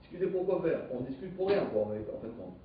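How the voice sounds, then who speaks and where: A man who teaches a live Talmud class, lively and questioning, explaining the text step by step. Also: a little high, rapid-fire, slight background noise. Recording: distant echoey dull live stream.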